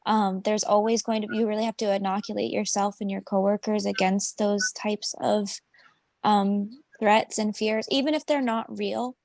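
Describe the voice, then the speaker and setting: A woman's voice: mid-range voice, fairly even intonation, normal speed, gravelly, darkish tone, no room sound. A woman speaking at a community meeting in an earnest, reassuring way. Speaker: meeting participant. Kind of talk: casual meeting talk.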